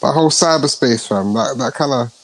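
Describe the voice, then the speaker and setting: A man's voice: mid-range voice, fairly quick, husky, no echo, rough recording. A young man with a London roadman accent, chatting and joking in slang with his friends. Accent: London, urban roadman slang. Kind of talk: casual group banter.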